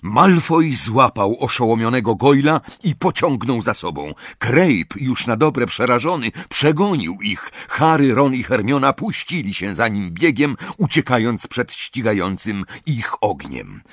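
Lively dramatic male audiobook narrator. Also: medium pitch, unhurried, hardly any pauses, dry recording, studio quality. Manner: dramatic, varied storytelling. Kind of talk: expressive audiobook reading.

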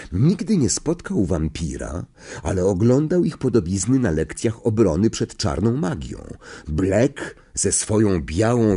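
A man narrating a novel as an audiobook in an expressive, dramatic reading. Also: low-pitched, slightly rough. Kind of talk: scripted narration.

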